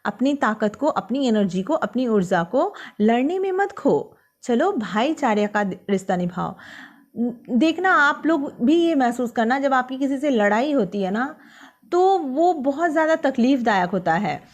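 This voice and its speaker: A woman teacher explaining a poem to school students, reading its lines slowly and then explaining them in plain words. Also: high voice, big pitch swings. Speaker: Hindi teacher.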